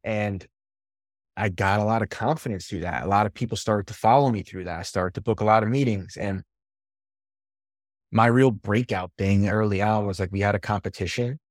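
Man, low voice, casual interview guest, lively storytelling, dry recording. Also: normal speed, dry recording. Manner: animated storyteller, swears casually. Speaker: podcast guest, sales leader and coach.

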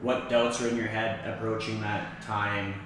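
A man's voice: on the low side, level tone, a little slow, fairly bright tone. A man hosting a podcast, asking questions in a casual conversational style. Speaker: podcast host, interviewer. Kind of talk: casual interviewing. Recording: very echoey, distant mic, noisy.

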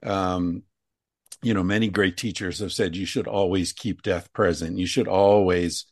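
A man with a lowish voice hosts a relaxed interview, thinking out loud and circling back over his words. His voice sits dry and close to the microphone. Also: a little slow, no room sound. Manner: thoughtful, rambling with many restarts. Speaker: podcast host. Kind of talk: conversational interview.

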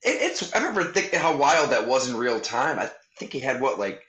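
A man's voice: mid-range voice, sing-song, a little fast, fairly bright tone, reverberant, low-quality recording. A man interviewing a guest in a chatty, conversational way, telling stories and asking eager questions. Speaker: interviewer, podcast host.

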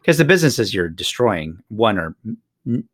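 Very low-voiced tired man. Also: big pitch swings, moderate pace, fairly bright tone. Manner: stammering, repeats words at starts. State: tired, up since early morning. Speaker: podcast co-host. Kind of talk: casual political discussion.

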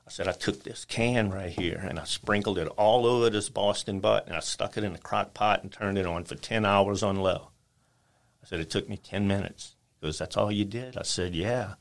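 Man, very low voice, podcast guest, animated storyteller who acts out the people in his stories. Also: normal speed. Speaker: guest, spice rub maker. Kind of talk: casual storytelling chat.

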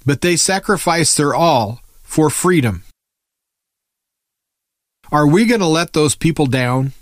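A man's voice: fairly high pitch, animated, slow, no room sound, studio quality. A man delivering an impassioned political monologue as a commentator, ranting in an alarmed, conspiratorial, indignant way with preachy emphasis and rhetorical questions.

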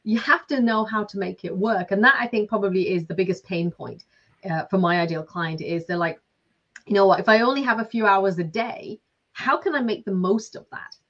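Speaking fairly quickly in a mid-range, somewhat bright voice, this forties-aged woman from Lancashire, England, works as a business coach. Her casual interview talk is chatty and full of fillers, captured in slightly dull lo-fi audio.

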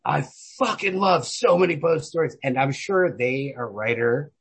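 Slightly high and animated, his breathy voice moves at a normal speed. He's a podcast host talking loosely about literature, full of slang, emphasis and profanity, with "like" dropped in again and again as a hedge.

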